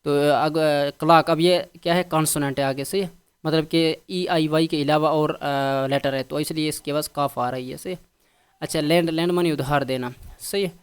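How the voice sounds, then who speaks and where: Smooth-voiced Pakistani male English teacher. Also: a little high, fairly even intonation. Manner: patient, repeats each word with its meaning. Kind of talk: vocabulary lesson.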